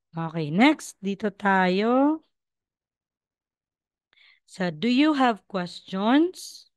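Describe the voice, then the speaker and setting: Woman, online teacher, slow, smooth, dry close sound, patient, repeats words. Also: lowish voice, no room sound. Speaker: Korean language teacher. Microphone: video call.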